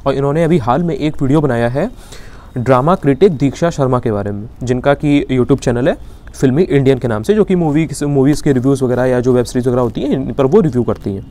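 A man's voice: medium pitch, fast talker, warm tone. A man with an Indian accent giving an indignant opinion commentary, arguing with rhetorical questions. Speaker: YouTube commentator.

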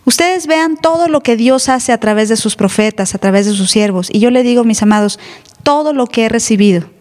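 A woman's voice: a little high, expressive, brisk, a little mellow. Emphatic woman pastor preaching in a hall. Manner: emphatic, teasing, plays other voices. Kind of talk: sermon. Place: church. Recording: live church hall reverb.

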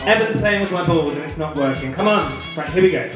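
A man's voice: fairly high pitch, quick pace. A man working as a bingo caller and party host, with campy, theatrical drag-show patter into a handheld microphone. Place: indoor decorated party studio. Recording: very echoey room, music behind.

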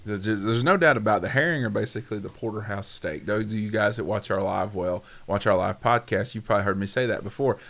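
A man in his thirties with a drawl chats casually as a podcast host. He talks emphatically, repeats phrases for effect, and sits at a boom mic in a wood-paneled studio. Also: quick pace, hardly any pauses. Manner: emphatic, repeats himself, lively asides. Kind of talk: casual fishing talk. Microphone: boom mic on desk arm.

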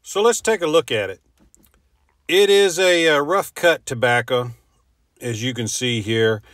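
An American man in his fifties giving a casual, halting voice-over description of a product. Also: mid-range voice, lively intonation, a bit bright, slight background noise. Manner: halting, informal. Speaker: host of a pipe tobacco review show.

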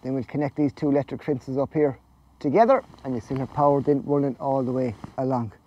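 Speaking fairly quickly at a medium pitch, an Irish snail farmer in his forties casually explains farm work in his vlog. He's outdoors under netting on the farm, captured with dull audio.

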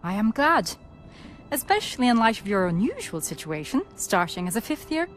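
A woman's voice: fairly high pitch, sing-song, normal speed, soft background music. An actress playing a composed, cautious witch professor who speaks formally in a fantasy game cutscene. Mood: gracious. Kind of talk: dramatic game cutscene dialogue.

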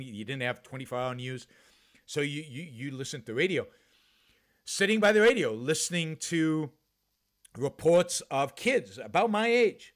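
A man's voice: medium pitch, fairly bright tone. A man in his fifties from Israel, hosting a solo talk-radio show from a home office, talking earnestly with many restarts and fillers into a studio mic. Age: 50s. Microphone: studio mic with pop filter, headphones.

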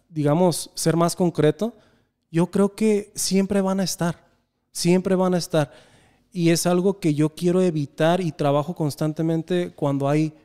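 A man with a Mexican accent tells personal stories in a casual, earnest way. His voice sits a little high but sounds mellow and smooth. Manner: earnest, reflective storytelling. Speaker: podcast guest. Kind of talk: casual conversation.

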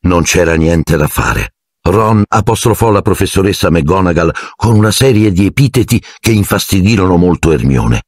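A man narrating an audiobook in an expressive, measured storytelling manner. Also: low-pitched, no echo, clean studio sound. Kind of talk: scripted narration.

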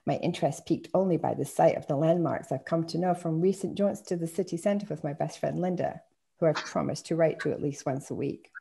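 A woman author reading a first-person story aloud in a measured, descriptive way. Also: fairly low pitch, gravelly, dark tone. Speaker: author reading her work.

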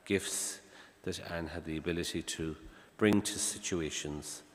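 A man, a priest, leading funeral Mass prayers at the altar in a calm, measured way with conversational asides. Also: low-pitched. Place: large church, at the altar. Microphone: far camera, church PA. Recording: long church reverb.

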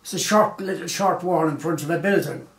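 A man, recalling his childhood in a slow, rambling way full of pauses and fillers. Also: on the high side, a bit bright. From Galway, Ireland. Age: 90s. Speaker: oral history interviewee. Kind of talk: unhurried storytelling reminiscence. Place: small living room indoors, seated in armchair. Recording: roomy living-room echo.

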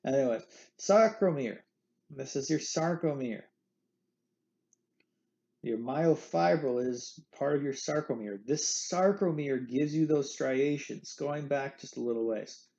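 The highs are cut off on this medium-pitched, a little slow, gravelly, somewhat mellow male voice. He's an anatomy instructor explaining recorded slides playfully with candy analogies, captured by a computer mic at his desk through screen recording with webcam.

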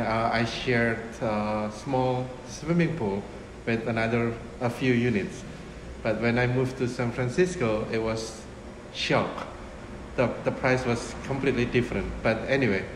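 A man in his fifties, originally from Indonesia, a restaurant owner speaking in a casual interview, unhurried and full of fillers and restarts. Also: mid-range voice. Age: 50s. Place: restaurant dining room, indoors. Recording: roomy echo with room noise.

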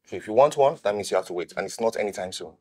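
A Nigerian man playing a young shoemaker who talks business in a relaxed, matter-of-fact way. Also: lowish voice, rapid-fire, breathy edge. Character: young male shoemaker, laid-back boyfriend. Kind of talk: Nollywood film acting.

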